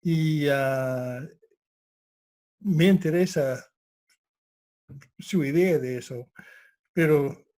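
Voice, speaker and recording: An older man, an English speaker, reflects on karate in Spanish. He speaks very slowly and hesitantly, often pausing to find words. His voice sits fairly high and has a warm, mellow tone. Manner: hesitant, searching for words with many pauses. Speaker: karate instructor, guest. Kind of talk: reflective conversational talk.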